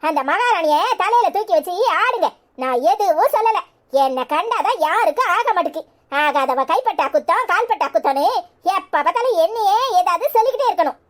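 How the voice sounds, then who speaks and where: A woman voicing a sharp-tongued, resentful young wife in a cartoon, with a Tirunelveli Tamil accent and quick cutting complaints. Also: very high voice, expressive. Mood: bitter. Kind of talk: cartoon voice acting.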